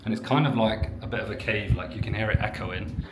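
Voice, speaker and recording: A man's voice: on the low side, fairly quick, noisy background. A British man talking casually to camera in a travel vlog, chatty and upbeat. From Britain. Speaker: travel vlogger. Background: music.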